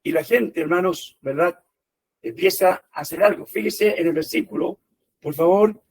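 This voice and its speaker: A man preaching a sermon in an animated way, often calling his listeners brothers. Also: high voice, normal speed, gravelly, a little hiss or hum.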